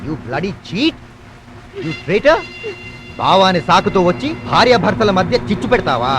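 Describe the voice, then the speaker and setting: An actor playing a jealous, suspicious husband who taunts sarcastically and shouts threats. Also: male voice, sits high, sing-song, a little slow. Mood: furious. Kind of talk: dubbed film dialogue. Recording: film soundtrack with music behind.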